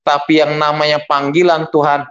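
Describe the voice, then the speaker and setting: A middle-aged man preaching as a pastor, telling his conversion story in a lively storytelling manner and acting out the dialogue. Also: fairly high pitch, moderate pace, highs cut off. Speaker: pastor giving testimony. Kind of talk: storytelling testimony sermon.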